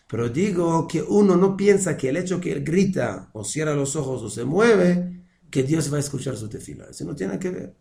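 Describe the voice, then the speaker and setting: A man's voice: fairly high pitch, vocal fry, mellow, roomy sound. A man teaching a casual religious class as a rabbi, asking rhetorical questions as he explains. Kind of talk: informal religious lesson.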